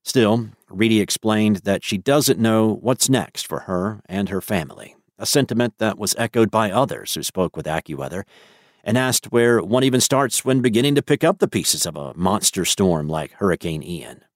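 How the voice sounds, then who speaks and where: Low-voiced male news narrator. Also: no room sound, studio quality. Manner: measured, even news-reading delivery.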